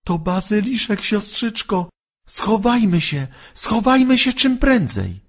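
A man voicing a serious young boy who speaks in a hushed, trembling voice. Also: low-pitched, lively intonation, slow pace, breathy edge, exaggerated voice. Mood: alarmed.

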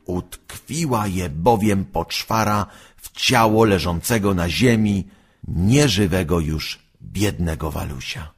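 A man narrating a storybook in a slow, expressive way. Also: deep voice, breathy edge. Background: faint music.

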